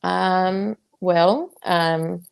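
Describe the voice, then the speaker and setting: Chatty Southern woman, low voice. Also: steady tone, gravelly, clear, resonant tone. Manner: chatty, laughs often, drawn-out words. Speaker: guest, professional wrestler. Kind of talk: casual interview.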